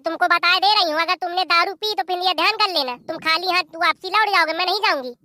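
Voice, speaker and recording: A performer voicing a stern, sharp-tongued young wife. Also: very high-pitched, fast talker, no room sound, exaggerated voice. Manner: stern, threatening.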